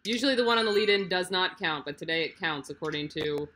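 A woman with a hoarse voice hosting a livestream, chatting casually about race plans with rambling side remarks. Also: on the low side, lively intonation, quick pace, bright, forceful tone, slight background noise. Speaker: livestream host of a cycling race team.

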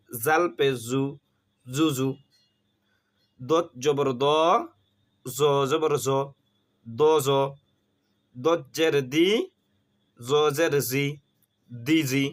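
A man teaching a reading lesson, spelling each syllable aloud and repeating it in a slow drill. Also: a little high.

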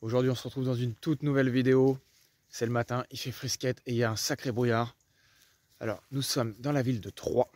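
In a flat, darkish, mid-range voice, a young adult vlogger from France talks a little fast, with no echo. He narrates a casual travel vlog to a camera held at arm's length, chatting and rambling with many fillers, outdoors in a foggy forest and parking lot and inside a camper van.

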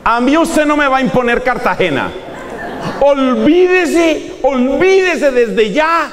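A man voicing a resentful bride who shouts back defiantly in an indignant, shrill voice. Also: lively intonation, slow pace, a faint crowd, heavily acted.

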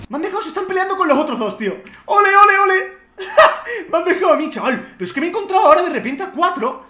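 A man from Spain giving excitable let's play commentary, shouting and swearing at the game. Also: extremely high pitch, fast talker, echoey room, soft background music. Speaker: gamer.

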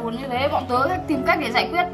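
A woman's voice: sits high, fast talker, natural voice. A woman playing a young friend who persistently coaxes a grieving pregnant woman to eat, in an amateur family skit. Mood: coaxing. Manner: coaxing, persistent. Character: coaxing young female friend. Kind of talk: amateur drama acting. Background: loud background music.

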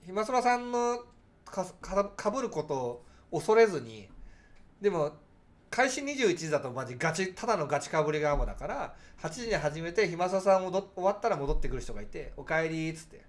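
A nasal-voiced man in his forties hosts a relaxed livestream and answers viewer comments as they come in. His voice sits a little high and moves through a lively, animated range. He pushes the sound forward so it carries, and he rambles easily with plenty of fillers. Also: fairly quick. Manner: projects his voice to carry, chatty with frequent fillers. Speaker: livestream host. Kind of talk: casual chat reading viewer comments.

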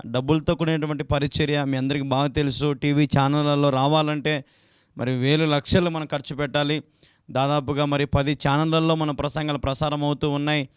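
A man's voice: on the high side, clean tone, dry recording, clean studio sound. A young man from Andhra Pradesh, a pastor giving a televised sermon, pleading earnestly and repeating filler words as he asks viewers for support. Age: young adult. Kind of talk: televised sermon with donation appeal.

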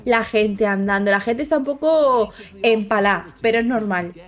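A young woman with a Spain Spanish accent, hosting a game preview at home late at night, gushing with excitement while keeping her voice down so she won't shout. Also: on the high side, moderate pace. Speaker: gaming video host.

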